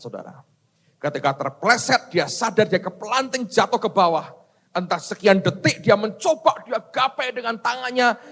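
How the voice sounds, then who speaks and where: Animated joking man preaching a sermon. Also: sits high. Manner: animated, joking, addressing the congregation. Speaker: pastor. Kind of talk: sermon storytelling.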